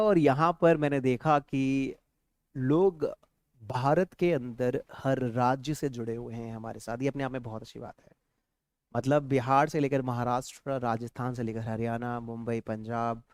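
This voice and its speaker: A man's voice: mid-range voice, clean tone, no echo. A man with an Indian accent teaching a live spoken English lesson, switching between Hindi and English, repeating example phrases and reading out viewers' comments.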